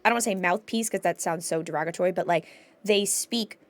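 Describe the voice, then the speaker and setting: A woman with a lowish voice and quick pace hosts a conversational podcast, where she works as a mental health professional. She explains things earnestly and emphatically, acting out imagined quotes, with music playing in the background.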